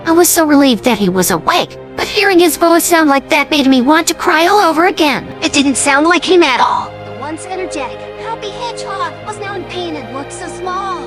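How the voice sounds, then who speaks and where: A woman's voice: very high voice, animated, fairly quick, few pauses, music in the background. A woman narrating a fan story in first person, reading in an emotional way. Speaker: narrator as Marina.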